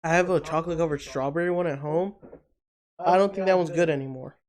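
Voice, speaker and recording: A man's voice: fairly high pitch, fairly even intonation, quick pace, a little mellow, slight background noise. Blunt, teasing man in his twenties. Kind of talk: casual chat.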